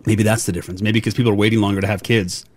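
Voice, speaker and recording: A man's voice: on the low side, fairly even intonation, very fast, darkish tone. A man co-hosting a casual radio show, musing aloud and asking his co-hosts questions. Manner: musing, asks questions and offers theories. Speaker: radio co-host.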